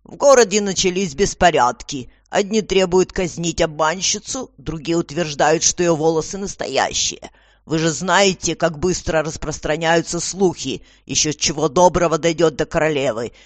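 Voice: mid-range voice, moderate pace, no echo, natural voice. The storybook narrator voicing an irritable, stout police commissar who grumbles and barks orders. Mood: irritated.

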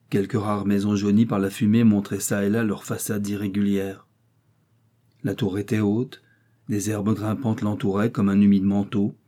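A male audiobook narrator with a warm, mellow tone and a slightly husky edge. He reads old literary prose in a measured, steady way. His voice sits on the lower side. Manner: measured, even reading of nineteenth-century prose. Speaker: audiobook reader.

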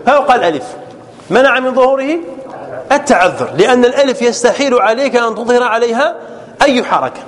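High-voiced man teaching grammar in a hall. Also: animated. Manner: drills verb forms slowly, asks "clear?" often. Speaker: sheikh teaching Arabic grammar. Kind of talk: classroom grammar lesson.

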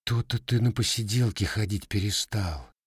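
A man's voice: on the low side, moderate pace, husky, no echo, clean studio sound. A man voicing a sly, teasing young Cossack widow in a storybook reading, raising his voice for her. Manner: slightly raised, teasing folk speech.

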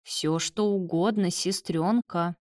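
A man's voice: sits high, steady tone, slow pace, darkish tone, no room sound, clean studio sound. A woman voicing a blunt, sardonic young male doctor who speaks in curt, cutting lines.

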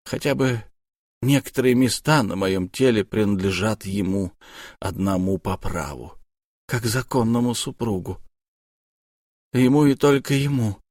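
A male narrator voicing a bruised young noblewoman who speaks softly, with a bitter, wistful edge. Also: lowish voice, a little slow, dry recording, studio quality. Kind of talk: audiobook character voice.

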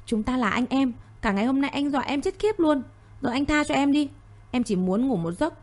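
A woman voicing a tearful, pleading young woman in an audio story, with a mellow voice and a slightly raised pitch. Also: lively intonation, brisk. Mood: anxious pleading.

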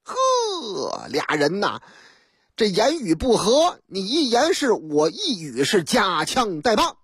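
A storyteller on the radio, telling the tale in a theatrical way with a pitch that swoops all over. The voice is husky, recorded on a dry, close studio mic. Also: unhurried, no echo. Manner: lively and theatrical.

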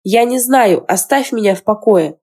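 A frightened young girl, voiced by a woman narrator, cries out in a high, shrill, tearful voice. Her tone is dark and mellow beneath the strain, as in a fantasy storybook reading. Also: moderate pace, husky. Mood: panicked, tearful. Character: terrified sobbing teenage girl student.

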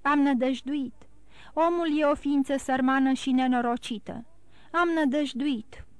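A woman reading an audiobook, voicing a gentle but resolute young man in despair, earnest and bitter. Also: high-pitched, fairly even intonation, dry recording, close to an everyday voice.

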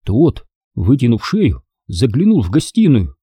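A man narrates a storybook aloud in a lively, expressive reading. His voice is warm and dark, a little husky, and moves freely up and down. The sound is dry and close. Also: medium pitch, a little slow, dry recording. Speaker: audiobook narrator.

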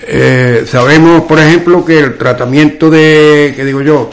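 Slow, measured man with an Andalusian accent. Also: fairly high pitch, steady tone. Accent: western Andalusian. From Ubrique, Andalusia, Spain. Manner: slow and explanatory, often pauses with "¿qué digo yo?". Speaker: author and local dialect expert. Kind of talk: interview on local speech.

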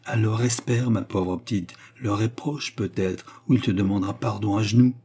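A male reader voicing a tender woman who quietly consoles her grieving sister in murmured tones. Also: on the low side, moderate pace, vocal fry, husky. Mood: consoling.

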